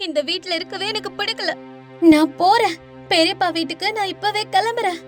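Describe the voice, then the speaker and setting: A woman voicing a spirited young woman who scolds her parents indignantly and firmly in an animated cartoon dub. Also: very high voice, a little fast, faint music behind, voice pushed up. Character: spirited young woman, righteous and defiant daughter.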